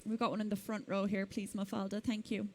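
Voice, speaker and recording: A woman's voice: mid-range voice, little pitch movement, a little mellow, slight background noise. Woman moderating a stage Q&A. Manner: brisk, announcing questions to the room. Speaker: session moderator. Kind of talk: moderating a conference Q&A. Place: conference stage.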